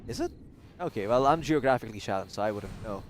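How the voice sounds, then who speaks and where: A man's voice: on the low side, lively intonation, fast talker, a little hiss or hum. A man casting a live esports match, mixing play-by-play with chatty analysis and jokes. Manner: joking, chatty analysis with fillers. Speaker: esports caster.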